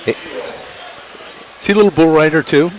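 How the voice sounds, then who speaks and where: A man's voice: on the high side, slow, noisy background. Upbeat male wrestling play-by-play announcer. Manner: upbeat, chatty, laughs easily. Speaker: wrestling commentator. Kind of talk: play-by-play commentary.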